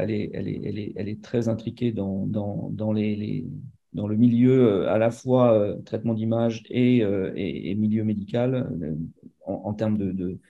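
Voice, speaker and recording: A man introducing a seminar speaker, halting, with many repeated words and fillers, over a video call. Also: fairly low pitch, gravelly, dark tone, lo-fi sound. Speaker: seminar host. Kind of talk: hesitant spoken introduction.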